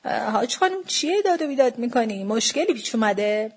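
A woman's voice: sits high, lightly acted. A woman voicing a groggy young male kiosk seller who begs to be let off. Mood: drowsy. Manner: sluggish, pleading. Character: drowsy pleading young man, kiosk seller.

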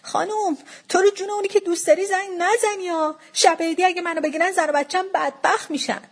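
A woman's voice: high voice, lightly acted. A woman voicing a groggy young male kiosk seller who begs to be let off. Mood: pleading. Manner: sluggish, pleading. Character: drowsy pleading young man, kiosk seller.

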